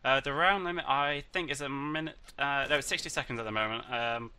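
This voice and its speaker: A tired man casts a live online game tournament through a headset mic. He talks very fast in a sharp, bright voice and rambles on in a chatty way, throwing joking asides to the viewers. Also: mid-range voice, a little hiss or hum. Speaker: esports caster and host. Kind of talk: casual live-stream commentary. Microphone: headset mic with voice activation.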